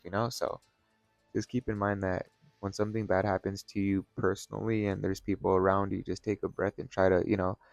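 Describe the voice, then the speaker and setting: Tired man, gravelly low voice, rambling casual vlog talk, dry close sound. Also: a little mellow, dry recording. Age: adult, has kids and a wife. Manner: laid-back, rambling, swears casually, many fillers. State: tired, burnt out. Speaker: vlogger. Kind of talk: casual vlog monologue over gameplay. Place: at home, sitting in a chair.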